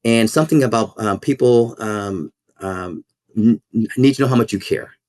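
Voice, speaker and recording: A man whose voice sits lowish and a little mellow is interviewed on a podcast; he is a school principal as well as a minister. Earnest and reflective, he halts and repeats himself as he thinks. The studio audio is clean, with no room sound.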